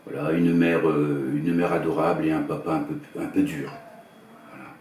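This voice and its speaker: A man in his fifties from northern France, a musician and songwriter, answering interview questions in a quiet, low-key voice that trails off. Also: little pitch movement, normal speed, a little hiss or hum. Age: 50s. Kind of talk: soft-spoken interview answers. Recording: echoey room, heard from a distance, guitar music behind.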